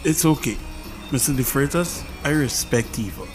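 An actor playing a devoted, respectful young boyfriend in a domestic drama. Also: male voice, mid-range voice, animated, normal speed, music in the background, natural voice. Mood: earnest, polite. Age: young adult.

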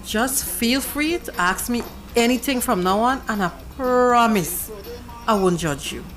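Peacemaking stepmother, middle-aged, fairly high voice, played by a woman. Domestic drama. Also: expressive, unhurried, fairly bright tone, soft background music. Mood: apologetic, reassuring.

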